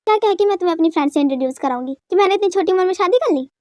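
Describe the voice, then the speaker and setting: A woman's voice: very high-pitched, lively intonation, racing, a little mellow, dry recording, clean studio sound. A woman voicing a young wife who scolds her husband in short, curt lines, in a dubbed fan story. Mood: annoyed. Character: irritated young wife, sharp-tongued.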